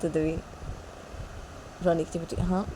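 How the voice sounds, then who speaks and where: Quiet woman narrating a story. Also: fairly low pitch, little pitch movement, fairly quick, a little hiss or hum. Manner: quiet, repetitive linking "to tabhi".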